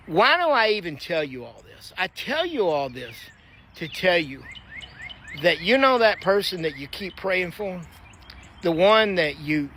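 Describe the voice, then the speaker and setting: Man, earnest testimony storyteller, bright voice, casual delivery with faint outdoor noise behind him. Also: on the high side. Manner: earnest, conversational, with frequent fillers and restarts. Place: backyard, outdoors.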